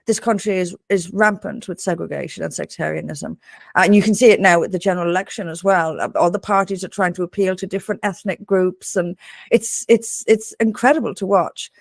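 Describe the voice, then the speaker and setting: An Irish guest author from Dublin presses her points earnestly in an interview, restarting and repeating words as she builds each argument. Her lowish voice is gravelly and brisk. The studio-quality recording has no echo.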